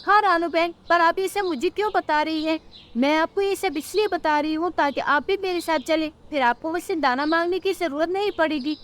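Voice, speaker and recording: A woman's voice: very high voice, brisk, fairly bright tone. A woman voicing a small, honest female sparrow in a cartoon story, who speaks in a polite, pleading way.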